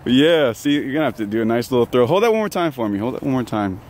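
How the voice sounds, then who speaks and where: A young man hosting a fishing vlog outdoors by a pond, chatting and laughing, yelling when fish bite. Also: mid-range voice, expressive, fast talker, slight background noise. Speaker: fishing channel host. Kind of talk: excited outdoor vlog chat.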